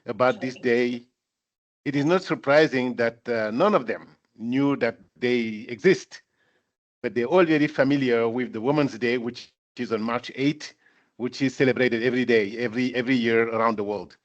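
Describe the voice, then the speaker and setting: Older man from Senegal giving a measured speech. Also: medium pitch. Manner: measured, repetitive emphasis with many fillers. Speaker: guest speaker. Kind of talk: corporate event speech. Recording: dull lo-fi sound.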